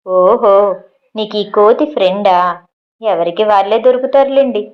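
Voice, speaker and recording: A woman's voice: mid-range voice, moderate pace, close to an everyday voice. A woman voicing a teasing young man who talks in a sarcastic, bantering way. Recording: dull lo-fi audio.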